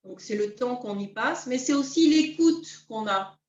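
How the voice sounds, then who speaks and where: A woman teaching a beginners' qi gong class, calmly guiding her students step by step. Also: a little high. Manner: calm, unhurried, step-by-step guidance. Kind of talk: guided class instruction. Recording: roomy, distant, dull sound.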